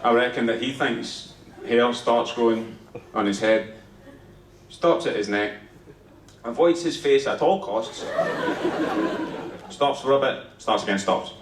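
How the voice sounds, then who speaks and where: A man's voice: mid-range voice, measured pace, long pauses. A Scottish man in his thirties doing a stand-up comedy set, conversational and punchy, swearing freely. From Scotland. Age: 30s. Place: theatre stage before a laughing audience. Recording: roomy live theatre sound, mic heard from a distance, audience noise.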